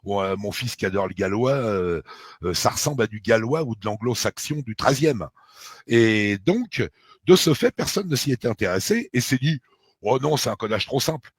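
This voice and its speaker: A man's voice: medium pitch, expressive, moderate pace, slightly rough, dry recording. A middle-aged man from France, talking casually and emphatically with many fillers and asides. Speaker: researcher of a historical mystery. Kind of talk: casual conversation.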